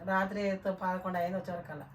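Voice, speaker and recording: A woman with a Telangana Telugu accent acting a visiting elder sister in a village comedy sketch, giving soft, brief replies. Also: on the low side, fairly even intonation, racing, distant mic, slight background noise.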